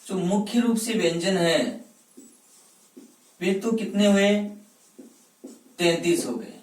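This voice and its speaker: A high-voiced man teaching a grammar lesson, asking questions and answering them himself. His voice sounds a bit distant from the mic, in an echoey room. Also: a little mellow. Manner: spells out letters slowly one by one. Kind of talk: classroom lecture.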